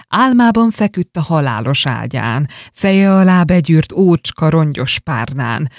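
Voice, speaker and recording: A narrator reading a rhymed story aloud with a steady verse rhythm and expressive delivery. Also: medium pitch, no room sound, studio quality.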